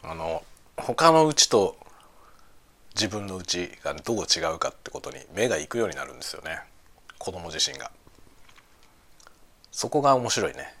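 A man's voice: lowish voice, sing-song, moderate pace, vocal fry, long pauses, fairly bright tone. A middle-aged man chatting casually while eating, musing aloud in short phrases that trail off. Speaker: host of a lunchtime chat.

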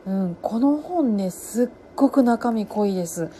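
A middle-aged woman chats on her own about books she has read. She talks loosely, with lots of fillers and sudden swings in loudness. Her voice is mellow and warm, with a faint hiss behind it. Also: a little high, a little slow. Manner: chatty, many fillers, lively swings in loudness. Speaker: podcast host reviewing books. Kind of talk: casual solo talk.

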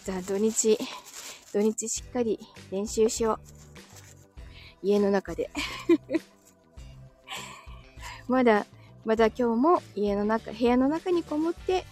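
A woman's voice: a little high, takes it slowly, long pauses, darkish tone, soft background music. Giggly woman chatting on a live stream. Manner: giggly, chatty, laughs often between phrases. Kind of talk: casual live-stream chat reading comments. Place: indoors at home.

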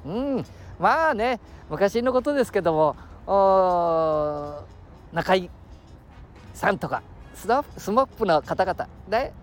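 A podcast host in his sixties from Aichi, Japan, speaking Nagoya dialect, chats solo outdoors by the seashore, rambling and chuckling as he hops between topics. His voice sits high and is expressive and slow, with soft background music.

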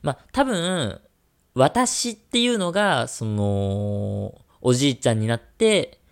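Male podcast co-host, casual teasing banter, animated pitch, some vocal fry. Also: slow pace. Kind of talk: casual radio-style chat.

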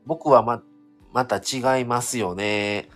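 A man's voice: mid-range voice, takes it slowly, fairly bright tone, faint music behind. A man from Kobe with a Kansai accent, co-hosting a casual couple's live stream in an easygoing, explanatory way. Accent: Kansai Japanese, Kobe dialect. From Kobe, Japan. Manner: easygoing, explains dialect differences with examples.

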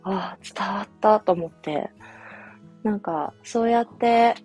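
Husky-voiced young mother musing softly. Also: medium pitch, takes it slowly. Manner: soft, reflective, many fillers. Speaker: podcast host, mother. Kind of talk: casual personal storytelling. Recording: faint music behind.

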